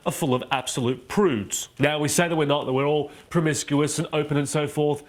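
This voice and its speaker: A man's voice: fairly high pitch, steady tone, fairly quick. A man hosting a satirical comedy monologue, mocking the news with playful asides. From Australia. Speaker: comedy show host.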